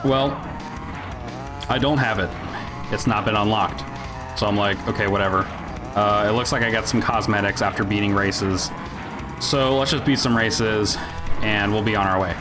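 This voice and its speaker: A man with a fairly low voice grumbles like a crotchety old man through a casual gaming rant. He rambles, swears freely and sounds sardonic, with music clearly playing behind him. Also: steady tone, moderate pace, pauses often. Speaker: video game reviewer.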